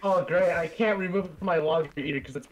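A man's voice: on the high side, fast talker. A young man chatting over a game, a hyped gamer bro who talks in slang and swears freely. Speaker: gamer in a group voice chat. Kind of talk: casual gaming banter. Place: online voice chat over gameplay. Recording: very noisy gaming voice chat.

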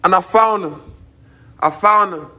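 A man's voice: high-pitched, measured pace, sharp tone. A young man, chatting and teasing in slangy casual banter on a phone live stream. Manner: slangy, teasing, laid-back storytelling.

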